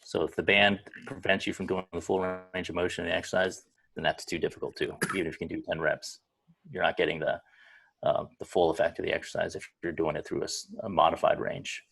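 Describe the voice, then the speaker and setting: A man's voice: low voice, level tone, quick pace, vocal fry, fairly bright tone, husky. A man coaching on a video call, explaining exercises plainly and repeating words as he restarts. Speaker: fitness coach. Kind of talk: casual instruction on a video call.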